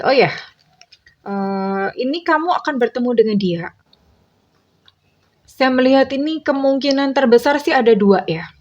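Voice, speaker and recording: A woman's voice: fairly high pitch, dull audio. A woman tarot reader speaking casually to her viewers, chatty and meandering, with many fillers.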